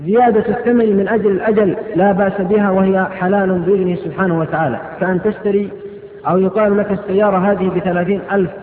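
A high-voiced man preaching at a religious question-and-answer lecture. He reads each question out and answers it with quick, firm rulings, talking fast. The sound is thin and phone-like, with a long echo from a large hall. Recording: echoey hall on tinny phone-band audio.

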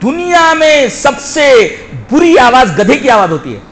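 A man delivers a sermon in a high voice that leaps up and down with great liveliness. He swings from hushed explanation to loud emphasis. Faint background noise sits under the recording. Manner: animated, swings between soft low tones and loud shouted emphasis; recites Arabic verses quickly then explains them. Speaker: Islamic preacher. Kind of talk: sermon explaining Quran verses.

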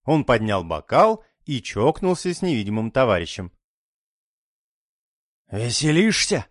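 A man narrating a dark story in an even, low-key storytelling voice. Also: moderate pace, no echo. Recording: dry close studio sound.

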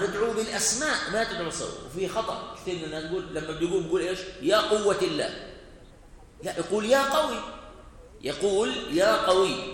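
A man's voice: a little high, a bit bright. Man teaching in a very echoey hall. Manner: questions the audience and answers himself; slows down to recite quoted phrases. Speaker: sheikh teaching a classical text. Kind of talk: religious lesson. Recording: very echoey hall recording with faint noise.

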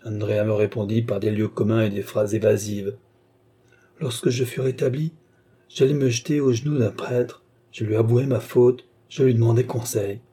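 A grieving young woman, voiced by a male audiobook reader, confides her past. The tone is mellow and soft-edged, with a husky grain. The reading stays measured and confessional throughout. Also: mid-range voice, fairly even intonation, natural voice. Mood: remorseful.

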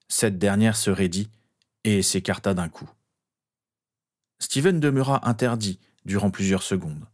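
A man narrating an audiobook in a steady, even reading voice. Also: low-pitched.

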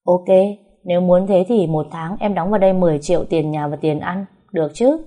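A woman doing a calm teasing boyfriend. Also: on the low side, brisk, close to an everyday voice.

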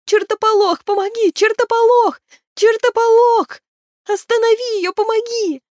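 A woman voicing a desperate young girl who shouts her lines in a high, frantic voice. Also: steady tone, measured pace, no room sound, clean studio sound.

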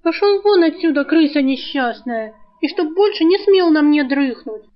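A woman's voice: sits high, expressive, normal speed, lo-fi sound, pitched above the performer's own voice. A woman reader voicing a flustered, indignant young woman who shrills and pleads.

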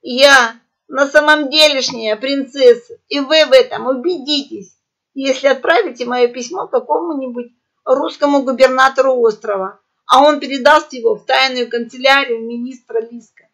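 A woman voicing a ten-year-old eagle girl who calls herself a princess and pleads in a shrill, hysterical way. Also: unhurried, fairly bright tone. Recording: dull lo-fi audio.

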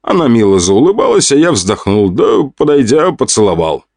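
A man's voice: mid-range voice, normal speed, gravelly, dry recording. A man reads a first-person adventure audiobook, and his intonation rises and falls vividly. His voice sits in a middle register. The recording is close and bone-dry. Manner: lively, expressive first-person storytelling. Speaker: audiobook narrator. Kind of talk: scripted audiobook narration.

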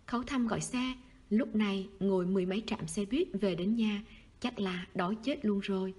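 A woman calmly narrating a novel as an audiobook reader. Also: mid-range voice, husky.

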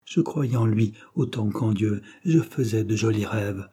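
A man's voice: on the low side, measured pace, dark tone, breathy edge. A man reading aloud, voicing a proud, heartbroken young orphan woman with bitter, tearful reproach.

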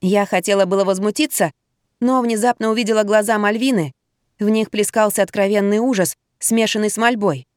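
Woman reading a first-person audiobook, lively, goes up high on her own lines, dry close mic. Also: fairly quick, dry recording. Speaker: audiobook narrator.

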